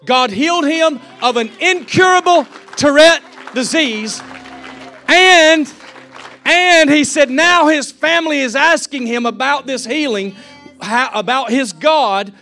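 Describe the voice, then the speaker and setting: A man's voice: very high voice, slow, sharp tone, faint music behind, a faint crowd. A man preaching a fervent sermon as a pastor, acting out the people he quotes.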